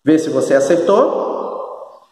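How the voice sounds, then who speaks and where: A Spanish teacher with a northeastern Brazilian Portuguese accent gives a recorded remote lesson, speaking slowly and explaining patiently while often using tag questions to check that students follow. His voice is a bit high for a man, a little mellow, with big pitch swings. He sounds distant from the mic in a bare room with long, ringing reverb.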